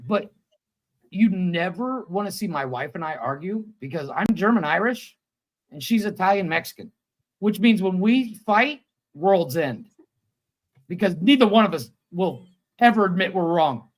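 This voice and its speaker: High, lively man telling crude stories. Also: moderate pace. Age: 40s. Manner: crude animated storytelling. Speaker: co-host. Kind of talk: casual chat.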